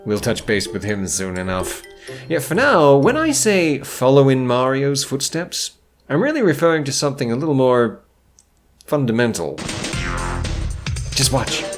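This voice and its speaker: Very animated yet unhurried, the man's mid-range voice carries a scripted, funny video essay told with verbose, dramatic sarcasm, with background music playing behind it.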